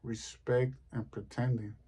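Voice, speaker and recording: A man performing a rambling, deadpan stand-up comedy monologue. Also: mid-range voice, unhurried, slightly rough.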